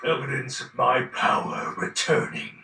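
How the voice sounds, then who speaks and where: A man's voice: mid-range voice, fairly even intonation, sharp tone, far from the mic. A man voicing a theatrical, pompous lord of shadows in a video game, making grandiose, commanding proclamations. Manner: bombastic, drawn-out commanding proclamations. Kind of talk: video game character acting. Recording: roomy echo, faint music behind.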